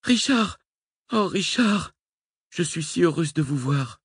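A man voicing a determined adult woman explorer who shouts urgent calls in a storybook reading. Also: on the high side, animated, takes it slowly, husky, dry recording, pitched above the performer's own voice, heavily acted. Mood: overjoyed.

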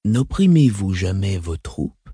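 A man voicing a calm, calculating mentat advisor in an audiobook, soft-spoken and reasoned. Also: medium pitch, a little slow, breathy edge, no echo, clean studio sound. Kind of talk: audiobook reading.

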